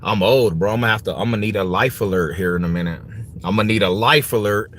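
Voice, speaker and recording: Speaking fast in a low, slightly bright voice, a man in his forties hosts a livestream and chats casually with viewers. He uses slang and repeats his phrases, and background noise is noticeable throughout.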